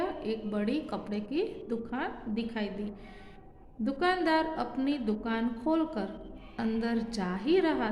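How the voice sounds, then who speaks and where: A woman teacher telling a children's story at a very unhurried pace, stopping to repeat lines and quiz the class. The room is echoey with a long reverb, and there is a faint hiss underneath. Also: fairly high pitch, darkish tone. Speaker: primary school teacher. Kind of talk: reading a story aloud in a class lesson.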